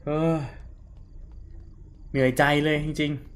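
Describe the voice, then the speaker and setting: A man casually chatting as he plays a horror game on stream, paraphrasing the characters' dialogue aloud with lots of fillers. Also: takes it slowly. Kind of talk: casual live-stream chat.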